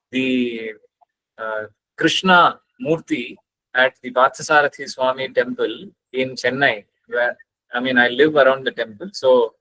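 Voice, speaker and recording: Over a video call, a young South Indian-accented guest lecturer uses his webcam to explain ideas earnestly and recite Sanskrit verses. His mid-range voice has a fairly bright tone; there's no room sound, but the audio is poor.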